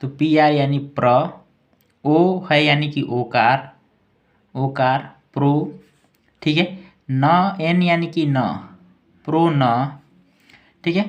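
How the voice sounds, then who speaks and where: Guy teaching english words, spells them out bit by bit, slightly high voice. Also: highs cut off. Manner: spells words out slowly letter by letter, many "thik hai" checks. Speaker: English teacher, channel host. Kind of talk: spoken language lesson.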